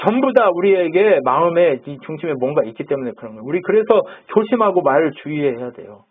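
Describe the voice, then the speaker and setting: A man's voice: fairly high pitch, big pitch swings, fast, slightly rough. A man preaching a sermon as pastor, chatting with his congregation, asking them questions and acting out the quotes he tells. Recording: phone-like narrow band.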